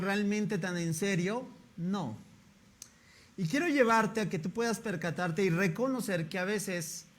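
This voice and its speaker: A man's voice: sits high, sharp tone. A male pastor, preaching a sermon in a conversational way and often asking the congregation rhetorical questions.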